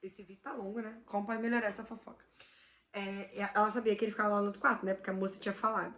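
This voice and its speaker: A woman hosting a vlog, telling a supernatural story in an animated way, dropping to a hush and then bursting out loud. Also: mid-range voice, racing, slight background noise. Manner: animated, swings between hushed and loud outbursts. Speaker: channel host.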